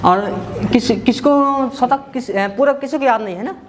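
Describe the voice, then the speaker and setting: A man's voice: very high voice, measured pace, background noise. A man teaching a memory class, reciting long lists by rote and then quizzing his students in a casual, chatty way.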